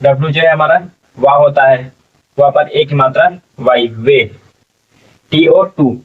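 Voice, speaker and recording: A man with a mid-range, breathy, fairly even voice teaches unhurriedly in Hindi, giving a slow English spelling lesson. He spells each word letter by letter, repeats it and quizzes the class on what it becomes, heard from a distance with tinny, phone-like sound.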